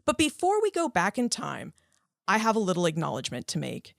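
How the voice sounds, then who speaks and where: A woman hosts a history podcast, reading her intro and questions from a script in a lively, upbeat way. Her voice is fairly low with vocal fry and a slightly fast delivery. It's a re-recorded studio voice-over, clean and free of echo.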